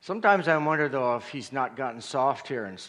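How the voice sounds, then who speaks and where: A man's voice: medium pitch, expressive, a little fast, a bit bright. A man, the guest preacher, opens his talk with self-deprecating jokes and banter with the congregation.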